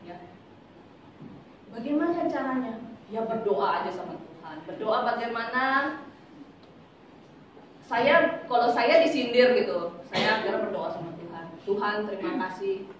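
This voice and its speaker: A woman's voice: a little high, lively intonation, measured pace, long pauses, slight background noise. A woman giving an informal devotional talk to a congregation, chatty and teasing, full of rhetorical questions. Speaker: devotional speaker. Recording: echoey, distant, dull room recording.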